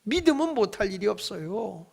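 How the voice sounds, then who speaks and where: High, gravelly-voiced male pastor preaching. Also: sing-song, fairly quick. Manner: dramatic storytelling, acting out dialogue with shouts and whispers; urges the congregation to respond. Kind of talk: sermon.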